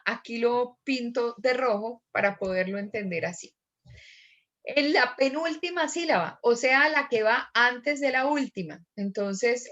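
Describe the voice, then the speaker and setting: A woman teacher gives an online class lecture over a computer mic. She explains step by step in a slightly high voice and slowly repeats her examples. The audio is muffled and lo-fi. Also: a bit bright.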